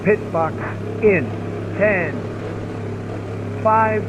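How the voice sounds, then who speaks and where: A man's voice: sits high, very slow, muffled recording. A man voicing a race spotter over a race car radio, giving short clipped callouts. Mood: terse. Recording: loud engine noise behind radio.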